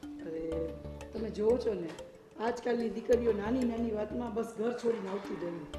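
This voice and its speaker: A coaxing middle-aged mother, played by a woman, talks in a mid-range voice. The room is echoey with a long reverb, and clear music plays beneath her. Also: fairly high pitch, normal speed, lightly acted. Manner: soothing, coaxing advice. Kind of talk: short-film family drama acting. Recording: echoey hall with loud music.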